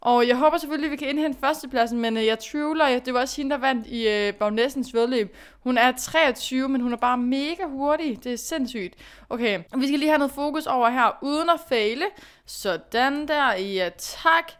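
Young woman gamer talking to herself through races, high clear voice, coaching and scolding herself. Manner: self-talk, scolding and cheering herself on. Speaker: gaming youtuber. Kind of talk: casual gameplay commentary.

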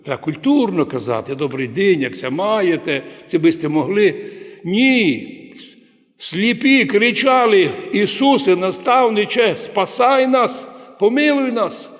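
Priest guy giving a sermon, kinda high voice, big cathedral echo, bursts into loud cries. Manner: preaching with sudden loud dramatic cries. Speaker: archpriest. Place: large cathedral. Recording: long cathedral reverb.

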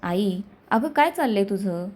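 Brief: woman storyteller voicing a stubborn young bride-to-be, low and subdued, storybook reading. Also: lively intonation, measured pace, a little mellow. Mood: subdued, irritated.

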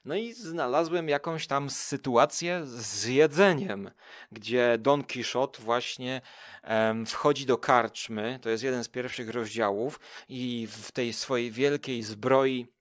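A food show creator appears as a podcast guest, chatting casually and rambling with many fillers and restarts. His medium-pitched voice moves slowly, captured in studio quality with no room sound.

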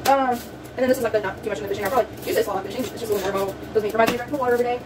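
The voice is fairly high and steady in tone, delivered rapid-fire by a young South Louisiana vlogger who rambles casually through a home haul video with lots of ums. Filming happens in a small room with a table, on a phone camera set back on it, so the sound is distant with faint room noise.

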